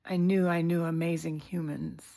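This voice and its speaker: Low-voiced woman talking candidly on a live stream. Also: fairly even intonation, moderate pace, creaky, warm tone. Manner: heartfelt, candid, sprinkled with swearing and fillers. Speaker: community leader hosting a live video. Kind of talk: casual livestream talk.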